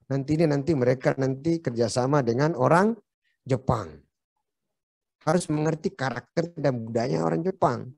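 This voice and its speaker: Gravelly-voiced man giving a joking seminar talk. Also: medium pitch, a little mellow, no echo. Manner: joking, chatty, often turns to the audience as "Pak". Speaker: seminar speaker. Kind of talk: seminar lecture. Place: hotel seminar room.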